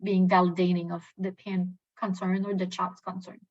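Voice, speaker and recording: A woman's voice: fairly low pitch, flat delivery, moderate pace, darkish tone. Hesitant woman on dull video-call audio. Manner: hesitant, many fillers and restarts. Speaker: webinar presenter. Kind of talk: professional webinar talk.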